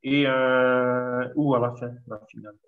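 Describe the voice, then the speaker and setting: A man, a student in a class, slowly and hesitantly parsing a text aloud with many fillers. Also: medium pitch, fairly even intonation, phone-quality sound.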